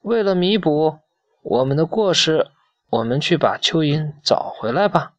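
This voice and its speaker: A man's voice: fairly high pitch, lively intonation, unhurried, no echo. A man voicing a snooty, scornful young chick from a children's story. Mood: earnest. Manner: scornful, disgusted.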